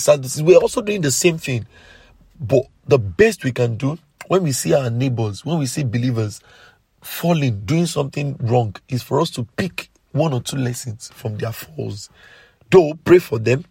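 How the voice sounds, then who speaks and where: A man preaching a podcast sermon, earnest and exhorting, slowing down to press key points. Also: medium pitch, lively intonation, vocal fry, darkish tone, breathy edge, no room sound. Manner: earnest, exhorting, slows for emphasis.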